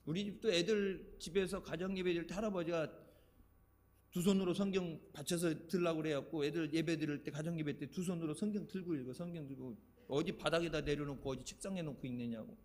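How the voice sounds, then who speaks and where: A man's voice: fairly high pitch, steady tone, a little fast, a little mellow. An older man from Chungcheong preaching a sermon, telling chatty anecdotes and laughing at his own stories. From Chungcheong, Korea. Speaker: pastor. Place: church sanctuary. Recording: echoey church hall reverb.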